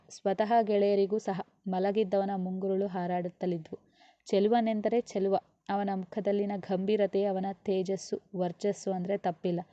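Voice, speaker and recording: A woman reading a serialized romance story aloud in a steady, expressive narration. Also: mid-range voice, no echo, lo-fi sound.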